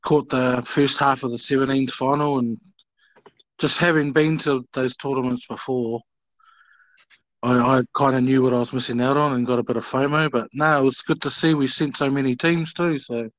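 Male guest, New Zealand accent, casual talk, medium pitch, slightly muffled lo-fi sound. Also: fairly even intonation, moderate pace, no echo. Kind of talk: casual chat.

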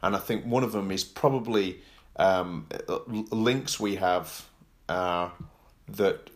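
A man co-hosting a casual chat who reacts quickly and muses out loud. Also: deep voice. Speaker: podcast co-host.

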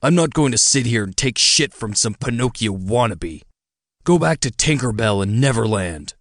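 A man's voice: mid-range voice, expressive, moderate pace, no echo, studio quality, voice pushed down, natural voice. A man doing a defiant young college guy. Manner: angry, defiant, snarling.

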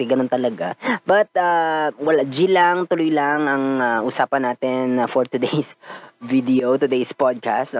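A man's voice: medium pitch, no echo. Filipino guy hosting a podcast, kinda stuffy from a cold, laughs a lot, just chatting casually. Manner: chatty, laughs often, mixes in English. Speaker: podcast host.

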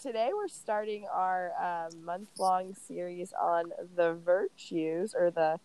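A woman's voice: on the low side, slow, a little mellow, clean tone, low-quality recording. Stuffed-up woman hosting a podcast. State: stuffed up from the flu. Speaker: podcast host. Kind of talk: casual podcast chat.

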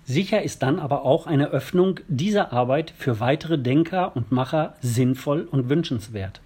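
A man from a parish council reading a prepared statement in a measured, formal way. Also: medium pitch, expressive, darkish tone, husky.

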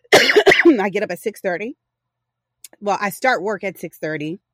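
A woman's voice: mid-range voice, lively intonation, a little slow, a bit bright, dry recording. Candid woman in her forties, dry sound. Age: 40s. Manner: candid, rambling, self-correcting. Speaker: podcast co-host. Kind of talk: casual chat.

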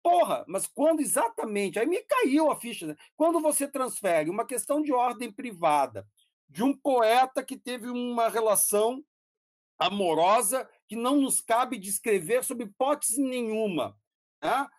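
A man's voice: very high voice, animated, measured pace, no room sound, studio quality. A middle-aged Brazilian man, a philosophy professor, talking casually in long digressions, laughing and swearing now and then. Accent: Brazilian Portuguese. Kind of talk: casual conversational talk.

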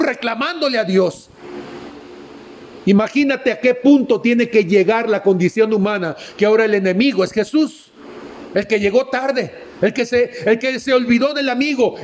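A man preaching a sermon, emphatic and questioning the listener directly, swinging between high exclamations and low drops. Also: a little mellow, a little hiss or hum.

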